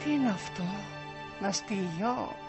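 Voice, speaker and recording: A woman's voice: mid-range voice, lively intonation, over loud music, lightly acted. An actress playing a sleepy young woman who giggles and protests at being tickled in a sitcom. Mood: drowsy giggly. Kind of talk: sitcom acting.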